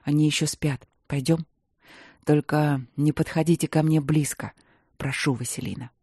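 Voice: steady tone, dark tone, no room sound, studio quality, natural voice. A reader voicing a growling bear-baron. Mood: strained. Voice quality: low, hoarse, growling. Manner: slow, strained, barely holding himself back. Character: hoarse growling baron, a grown man who becomes a bear. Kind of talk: audiobook reading.

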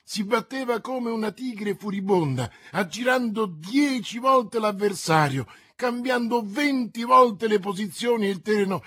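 A man narrates a swashbuckling classic with theatrical relish, building with the swordplay. His voice is husky and rather high, and he reads at a slow, deliberate pace. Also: lively intonation, a bit bright. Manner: theatrical, unhurried, swelling with the action. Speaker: audiobook narrator. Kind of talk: dramatic audiobook reading.

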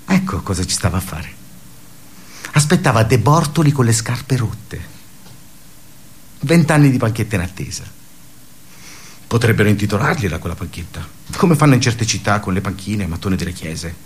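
Playing a brooding, darkly ironic office worker for a radio theatre monologue, a man speaks in a slightly rough, sing-song voice on the low side. The delivery is halting and conversational with emphatic bursts, and the mood is one of wry musing.

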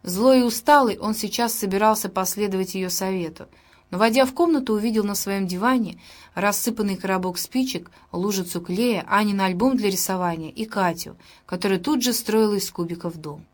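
A woman narrating an audiobook in a calm, even reading. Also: medium pitch, brisk.

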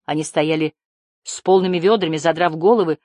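Low-voiced woman narrating an audiobook. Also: brisk, a little mellow, dry recording, studio quality. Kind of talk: scripted narration.

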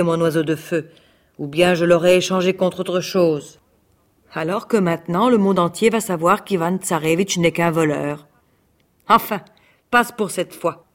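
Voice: medium pitch, lightly acted. A reader doing a reproachful old tsar. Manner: shouting then reproachful. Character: angry reproachful tsar, older man. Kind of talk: read-aloud fairy tale.

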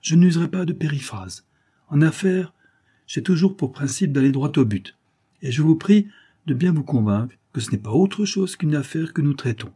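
A composed, imperious avenger from an old serial novel, as a male narrator puts him on. He speaks incisively, with unshakable authority. The voice is husky and mellow, lifted slightly above the reader's own. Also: on the high side, animated, normal speed, pitched above the performer's own voice. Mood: businesslike. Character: calm, commanding male avenger of great authority.

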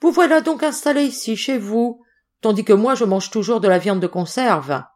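A woman's voice: a little high, lively intonation, normal speed, a little mellow, voice pushed up, natural voice. A woman reading the part of a shifty, grinning older male sailor who talks with insolent familiarity.

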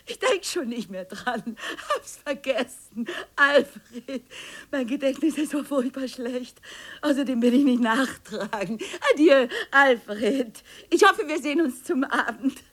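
An actress playing a neglected wife confronting her husband in a radio play, moving between hushed whispers and tearful pleading. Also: sits high, lively intonation, a little slow, full character voice. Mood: resigned.

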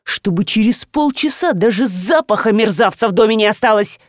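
A woman's voice: mid-range voice, expressive, a little fast, dry recording, studio quality, natural voice. A woman voicing a furious, bossy wealthy father who barks orders at his household, in an audiobook. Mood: raging, commanding. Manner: shouting, barking orders. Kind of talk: audiobook character voice.

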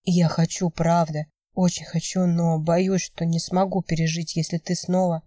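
A heartbroken young man speaks quietly and wearily, pulled inward, voiced by a female narrator. His tone is dark and mellow. The mic is dry and slightly distant. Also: lowish voice, level tone, moderate pace, dry recording, natural voice. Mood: weary. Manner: quiet, weary, subdued.

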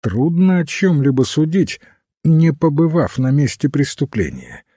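A man voicing a calm, thoughtful middle-aged priest detective who reasons quietly in an audiobook. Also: fairly high pitch, a little slow, breathy edge, no room sound, studio quality, pitched above the performer's own voice, full character voice. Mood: musing. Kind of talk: audiobook character reading.

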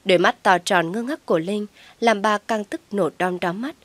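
A woman reading a dramatic family story aloud as narrator, in a steady storytelling manner. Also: mid-range voice, moderate pace, no echo. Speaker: audiobook narrator.

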